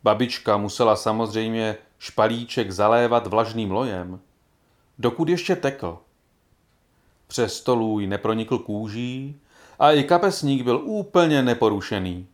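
A man narrating a storybook in a calm, measured reading voice. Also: fairly low pitch.

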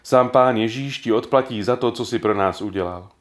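A man voicing a devout preacher who speaks slowly, gently and solemnly in a storybook reading. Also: fairly low pitch, close to an everyday voice. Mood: tender. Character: gentle, devout middle-aged male preacher.

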